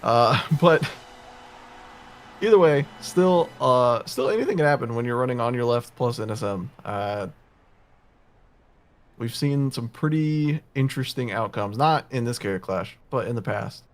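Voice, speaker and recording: Relaxed male co-caster breaking down plays. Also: mid-range voice, a little slow. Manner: relaxed, analytical, with fillers. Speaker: co-caster analyst. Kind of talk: esports color commentary.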